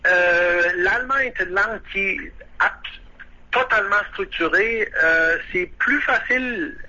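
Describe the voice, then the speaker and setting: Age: unknown. Sex: man. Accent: Québécois. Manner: hesitant, halting, nervous. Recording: dull phone line, faint hiss, bright tense tone. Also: high voice, husky. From Quebec. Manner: hesitant, many "euh" and restarts, admits nervousness. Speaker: phone-in guest living abroad. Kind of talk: casual phone interview. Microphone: telephone.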